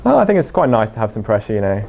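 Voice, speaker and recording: A man's voice: lowish voice, sing-song, rapid-fire, gravelly, a little mellow, faint music behind. A young man in his late teens talking in an easygoing, positive way in an interview. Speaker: junior rowing crew member. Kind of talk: casual interview answers.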